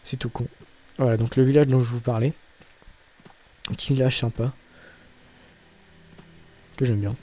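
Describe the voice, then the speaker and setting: A man's voice: medium pitch, flat delivery, moderate pace, long pauses, dark tone. A young man giving casual, rambling commentary as he plays a video game, often swearing and cutting himself off. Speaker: gaming channel host. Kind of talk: casual let's-play commentary.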